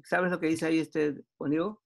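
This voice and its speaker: A man's voice: fairly high pitch, little pitch movement, normal speed, creaky. A man, teaching an English lesson with patient repetition and translation. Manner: patient, repeats phrases and translates into Spanish.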